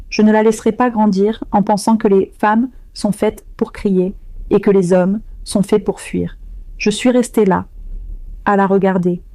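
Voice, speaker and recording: A woman narrates a first-person story in a measured, grave, restrained voice. Her tone is mellow and dark, with a warm low edge. The recording is dry and close, with no room around her. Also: dry recording.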